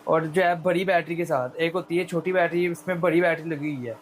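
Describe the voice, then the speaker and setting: A male shop seller with a Pakistani accent giving an unscripted, persuasive sales pitch in repetitive patter. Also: steady tone, fairly quick, slight background noise.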